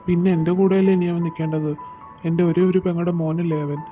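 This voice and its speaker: A woman voicing a gentle, protective middle-aged father who speaks softly and steadily. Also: fairly low pitch, quick pace, faint music behind, natural voice. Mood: firm. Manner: soft, steady, reassuring. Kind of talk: storybook voice acting.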